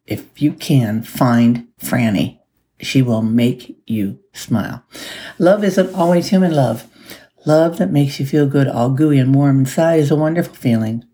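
A woman's voice: rumbling low, measured pace, warm tone. A woman hosting a solo podcast as a life coach, chatting in a groggy early-morning voice, upbeat and with little laughs. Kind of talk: casual solo podcast talk.

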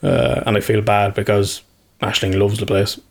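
Gravelly Irish man chatting casually. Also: lowish voice, level tone, moderate pace. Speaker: podcast co-host. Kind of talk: casual chat.

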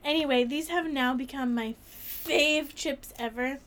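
High-voiced giggly woman chatting. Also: unhurried, slight background noise. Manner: giggly, animated storytelling with many fillers. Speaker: podcast co-host. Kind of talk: casual chat.

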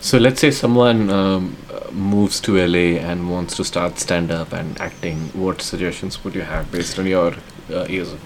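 A man interviewing a guest, asking questions haltingly with lots of fillers and restarts. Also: low-pitched, steady tone, a little hiss or hum. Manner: hesitant, many fillers and restarts, quick backchannel.

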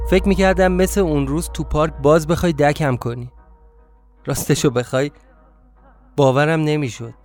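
A man's voice: on the high side, natural voice. A man voicing a kind, affectionate young woman who coaxes fondly, in a story reading. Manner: warm, coaxing, fond.

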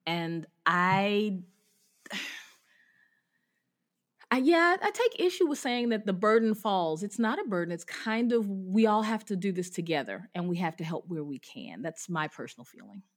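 A woman's voice: medium pitch, moderate pace. A middle-aged woman, a teacher, talking candidly as a podcast guest and acting out her classroom voices with bursts of laughter. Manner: animated storyteller who acts out her classroom voices with laughter. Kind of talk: candid conversational interview.

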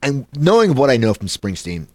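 A man's voice: mid-range voice, sing-song, moderate pace, dry recording. A man in his thirties hosting a casual interview, chatty and full of asides. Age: 30s. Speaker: podcast host.

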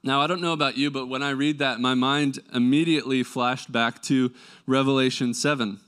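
A man delivers a sermon in a clear, smooth voice with a nasal tinge from a mild cold. He moves between reading scripture and explaining it conversationally, often checking in with rhetorical questions. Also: medium pitch, steady tone, moderate pace, fairly bright tone. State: slight head cold. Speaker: preacher.

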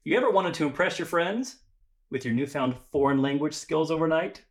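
A man's voice: on the high side, fairly quick. Rambling, joking male podcast host. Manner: rambling, stumbles over words, jokey. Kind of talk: casual chat.

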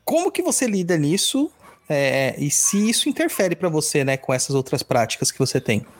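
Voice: medium pitch, sing-song, moderate pace. A podcast host who asks questions and adds explanations in an informal, explanatory way. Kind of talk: conversational interview.

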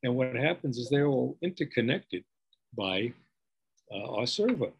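Husky man with a New York accent. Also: medium pitch, sing-song, measured pace. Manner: rambling with many fillers. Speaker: business owner guest. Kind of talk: casual interview chat.

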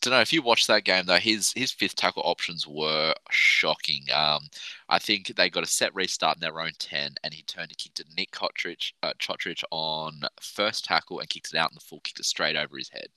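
A man's voice: very deep voice, moderate pace, sharp tone, no room sound, low-quality recording. An Australian man hosting a sports podcast in casual, blokey, informal chat. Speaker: podcast host.

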